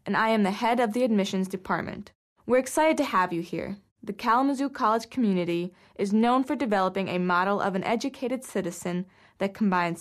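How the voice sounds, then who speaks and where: Female actor as official greeter, formal scripted announcements, medium pitch. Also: close to an everyday voice. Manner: formal, clearly scripted delivery. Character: institutional greeter: bank phone menu, college admissions guide. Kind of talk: scripted test-audio announcement.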